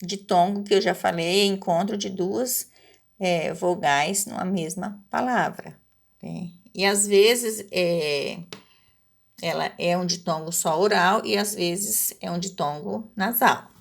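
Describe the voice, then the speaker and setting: A woman teacher explaining a worksheet step by step in a patient, slow, explanatory way, stretching out example words and often checking in with a tag question. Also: fairly low pitch, vocal fry. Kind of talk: recorded Portuguese lesson walking through a worksheet.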